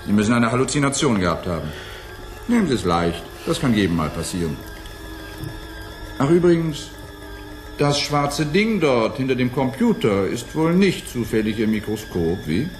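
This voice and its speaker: In a 1980s German radio play, a male actor voices a scientist who is doubtful, placating and faintly mocking. His medium-pitched voice moves at normal speed with an expressive, questioning, lightly acted delivery, set over soft background music, and the mood is placating and skeptical.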